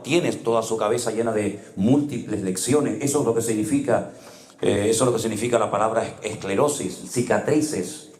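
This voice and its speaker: A middle-aged male pastor delivers a sermon, telling stories with feeling and voice that jumps high for emphasis. His voice sits at a middling pitch and rings out in an echoey room. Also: a little mellow. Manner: emotional storytelling with sudden rises in pitch.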